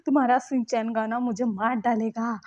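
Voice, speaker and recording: A patient young man talks gently and placatingly, pitched high and bright, as a woman puts him on. He keeps coaxing and pleading, and the sound is slightly muffled. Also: steady tone, normal speed, lightly acted. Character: patient young man soothing a sulky partner.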